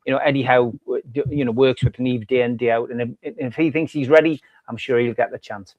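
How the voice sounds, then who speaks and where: A North East English man chatting about football, halting, often restarting his sentences. He has a middle-pitched voice with a dry, close sound. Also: steady tone, darkish tone, no room sound, lo-fi sound. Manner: hesitant, lots of restarts and you knows. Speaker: podcast co-host. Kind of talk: casual football chat.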